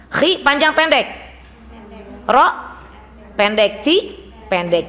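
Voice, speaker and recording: A slightly high, sharp-toned woman quizzes her class while teaching Quran recitation rules at a mosque. The group is made up of women, and she keeps things brisk by asking questions and drilling responses.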